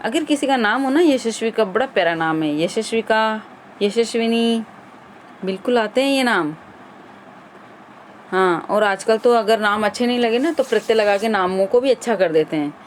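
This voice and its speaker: A woman's voice: on the high side, animated, normal speed, a little hiss or hum. A woman teacher running an exam-prep grammar lesson, quizzing viewers and repeating the answers.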